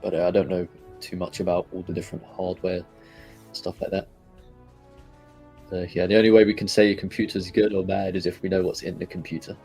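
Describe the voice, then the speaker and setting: A man chatting casually on a live stream, relaxed and rambling with frequent fillers as he answers viewers. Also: sits low, fairly quick, faint music behind.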